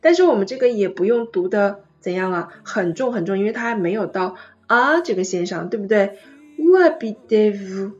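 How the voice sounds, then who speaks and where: A patient female teacher explains intonation step by step, slowing down to model each phrase. Her voice sits at an ordinary middle pitch. The recording is a little dull and lo-fi, with faint music underneath. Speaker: French teacher. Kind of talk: online language lesson.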